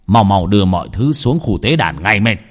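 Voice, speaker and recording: Guy doing a calm old shaman, deep-ish and stern, barks orders quietly, spooky story. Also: moderate pace, in a large hall.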